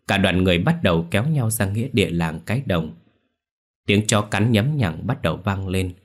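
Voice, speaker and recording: A male storyteller reading a ghost story in a steady, measured way. His voice sits very low and deep, and the telling is scripted.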